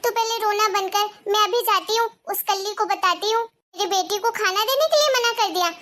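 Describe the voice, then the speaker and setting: A woman voicing a harsh, nagging middle-aged stepmother in a cartoon, scolding in a sharp, shrill voice. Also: brisk.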